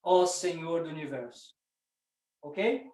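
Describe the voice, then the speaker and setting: A man's voice: a little high, takes it slowly, mellow. A man with a Brazilian Portuguese accent teaching a Sanskrit class, explaining step by step and often checking in with the listeners. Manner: patient, explains step by step with frequent "né?". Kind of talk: explanatory lecture. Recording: roomy, distant mic.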